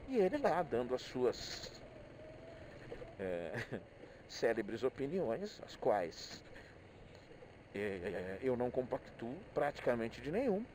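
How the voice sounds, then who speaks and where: This motorcycle vlogger, a middle-aged man with a Brazilian accent, talks through personal reflections in a loose, halting monologue full of repeated words. His medium-pitched voice has a slightly dark tone, and there's a bit of background noise.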